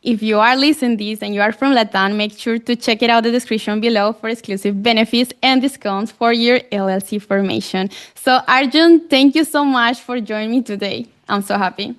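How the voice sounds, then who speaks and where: This podcast host is a Colombian woman whose native language is Spanish, conducting an interview in English with eager delivery, a few small slips, and some fillers. Her voice is on the high side and smooth, and she talks a little fast with hardly any pauses.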